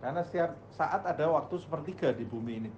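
A man's voice: a little high, lively intonation, fast talker, a little mellow, dull audio, slight background noise. A male Islamic teacher giving a religious study lecture, posing questions to the audience and answering them himself.

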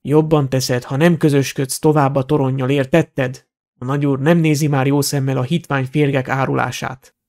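A tall masked dark wizard hisses threats in a slow, low voice, as a man reads him in an audiobook. The tone is cold and menacing. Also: level tone, close to an everyday voice. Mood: threatening. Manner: hissing, threatening. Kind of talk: audiobook character voice.

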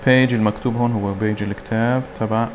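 Low-voiced man teaching English vocabulary. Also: steady tone, a little hiss or hum. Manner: reads English words slowly, then translates them. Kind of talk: recorded classroom lesson.

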